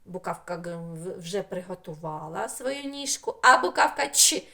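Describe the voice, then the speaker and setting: A woman teaching a remote lesson to preschool children, stretching out syllables and sounds and gently coaxing them with questions. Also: fairly low pitch, expressive, moderate pace.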